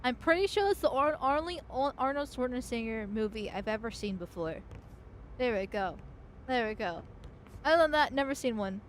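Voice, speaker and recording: Brief: high-pitched woman streamer, giggly and rambling, casual game chat. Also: animated, normal speed, a little hiss or hum. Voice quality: chatty, giggly, stumbling restarts. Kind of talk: casual gaming commentary.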